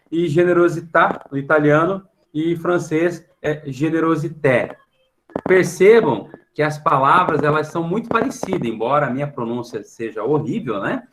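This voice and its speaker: A man's voice: a little high, fairly bright tone, slight background noise, low-quality recording. A Brazilian man teaching an online class, explaining patiently and checking in with the students after nearly every phrase. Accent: Brazilian Portuguese. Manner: explains patiently, filling pauses with a questioning tag. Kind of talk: online class for middle schoolers. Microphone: computer mic on a video call.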